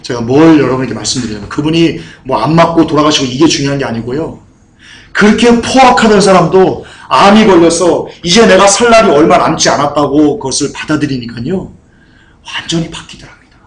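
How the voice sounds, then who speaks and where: A man's voice: fairly high pitch, expressive, a little fast, roomy sound, a little hiss or hum, low-quality recording. A man preaching a sermon as pastor, with emphatic, repeated appeals to the congregation.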